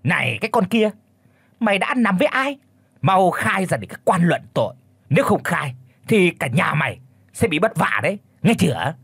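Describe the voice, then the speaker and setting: A man voicing a bullying, foul-mouthed old village chief who shouts threats and orders. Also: a little high, very animated, measured pace, dry recording.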